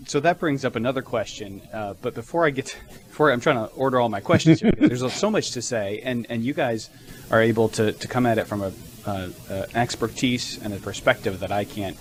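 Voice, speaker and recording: A man's voice: medium pitch, expressive, brisk, a little hiss or hum. A man hosting a panel discussion who puts questions to his guests. He phrases them hesitantly, restarting as he searches for the right words. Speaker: host.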